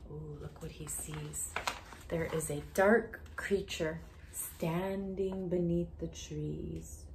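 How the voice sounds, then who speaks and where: In a small room at home, a thirties-aged educator who reads stories to kids performs an interactive picture-book session with a low voice and noticeable vocal fry. Her delivery is sing-song and expressive but slow and careful, with whispered asides and questions aimed at the listener. Faint background noise is audible in this home recording.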